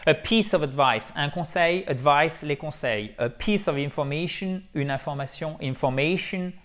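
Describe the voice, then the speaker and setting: A man who speaks natively, teaching English in a lively, chatty way and drilling words over and over. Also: on the high side, unhurried. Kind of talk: French-language English lesson.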